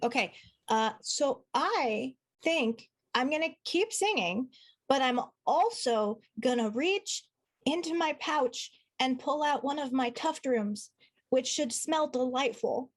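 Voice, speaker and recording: Female player, playful, high and unhurried. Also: expressive. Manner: playful and jokey. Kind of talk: playing a tabletop game.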